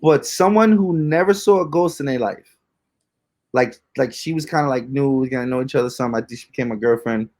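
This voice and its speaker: A man's voice: mid-range voice, fairly quick, darkish tone. A young man co-hosting a podcast, telling ghost stories in casual, slangy, rambling chat with lots of fillers. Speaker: podcast co-host.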